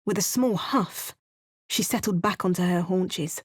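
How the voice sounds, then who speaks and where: A lowish female voice at a measured pace, recorded without echo, delivers video game character lines. She plays a wary, determined British adventurer heroine, trading dry asides with narration in a storybook style.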